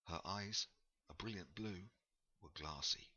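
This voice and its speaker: Very deep, slow male narrator. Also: bright, forceful tone, lo-fi sound. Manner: measured, unhurried storytelling. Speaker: audiobook narrator. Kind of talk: scripted narration.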